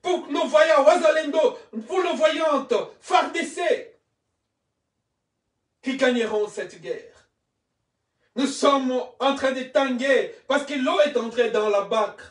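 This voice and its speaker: Fervent high-voiced pastor, shouting. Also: male voice, slow, long pauses, roomy sound, distant mic. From Congo (DRC). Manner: fervent, often shouting, repetitive declarations. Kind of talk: impassioned sermon.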